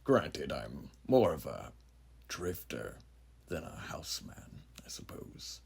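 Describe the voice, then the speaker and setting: A man playing a huge, ageless, sinister judge who muses grandly and theatrically in a horror monologue, with a gravelly, breathy voice and rhetorical questions to the listener. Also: very deep voice, big pitch swings, slow pace, darkish tone, whispered, exaggerated voice. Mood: musing, quietly menacing. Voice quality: gravelly, husky, breathy at phrase ends. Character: huge ageless sinister philosophizing judge, menacing male drifter.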